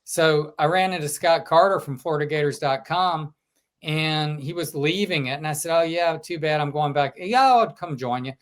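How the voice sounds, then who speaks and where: A man co-hosting a sports podcast, telling stories from a road trip in a casual, animated way. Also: a little high, moderate pace. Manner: storytelling, quotes fans in lively asides. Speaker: podcast co-host, sports reporter.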